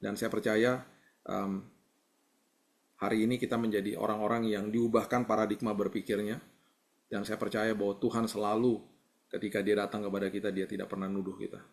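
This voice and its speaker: Gentle low-voiced preacher. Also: male voice, steady tone, a little fast, vocal fry, pauses often. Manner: gentle conversational preaching, mixes in English words. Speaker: pastor. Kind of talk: sermon. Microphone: video call.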